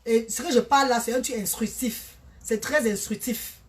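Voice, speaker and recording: A woman's voice: a little high, normal speed, background noise. A woman, talking bluntly and repetitively in a casual live stream, often addressing listeners as "maman". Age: 30s.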